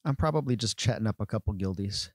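A man's voice: fairly low pitch, expressive, fast talker, no room sound, studio quality. A man playing his character in a tabletop game, jovial and easygoing. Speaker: player.

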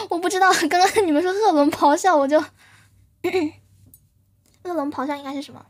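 A woman streamer chatting casually and playfully with her live viewers, often giggling and thanking them. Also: very high-pitched.

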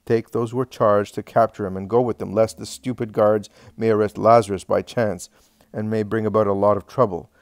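A man's voice: fairly low pitch, flat delivery, brisk, a little mellow, dry recording, clean studio sound, natural voice. A man reading as a scheming temple elder. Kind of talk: reading a religious text aloud.

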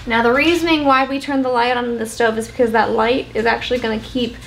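Talking fast in a fairly high voice with fairly even intonation, a woman in her thirties cooks in her home kitchen and explains each step to the camera. She is a homesteading cooking vlogger giving a casual, chatty tutorial. There is noise in the background.

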